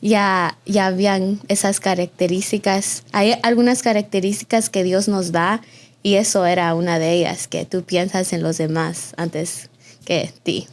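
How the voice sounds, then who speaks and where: A podcast host in her early twenties, raised in Austin, Texas, in a Mexican family, speaks at a measured pace with a flat delivery and a medium-pitched voice. Her conversational interview show has an effusive feel, with the odd English filler.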